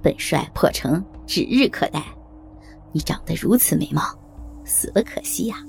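A gravelly, low-voiced enemy general who schemes and mocks, put on by a woman telling the story. The voice sits low and grinds with rasp, and faint music plays underneath. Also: slow, darkish tone, exaggerated voice. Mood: sly, mocking. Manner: scheming, mocking, chuckling. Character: sly, leering enemy male general.

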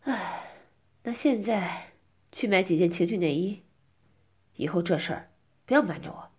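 A woman doing a gruff, bossy son, breathy. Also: lowish voice, expressive, unhurried, darkish tone, pitched below the performer's own voice. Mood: stern.

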